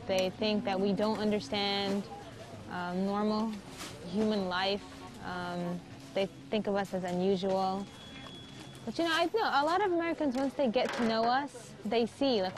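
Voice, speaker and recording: A woman answering a street interviewer in a candid, brisk way. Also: medium pitch, poor audio.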